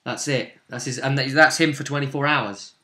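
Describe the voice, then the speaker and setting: In a mid-range voice that sounds pushed and bright, a game master recaps his tabletop roleplaying story casually. The recap comes out halting and emphatic, with phrases repeated as he goes.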